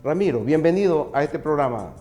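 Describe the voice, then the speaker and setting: A man's voice: a little high, expressive, brisk, mellow, faint music behind. An Ecuadorian man hosting a programme, presenting in a formal, scripted style. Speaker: programme host.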